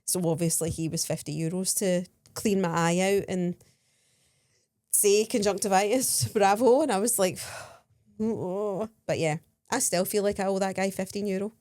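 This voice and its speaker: A woman's voice: medium pitch, moderate pace, dry recording, clean studio sound. A woman co-hosting a podcast, telling holiday stories in casual chat, laughing as she goes. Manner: chatty, animated, laughs while telling stories. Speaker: podcast co-host.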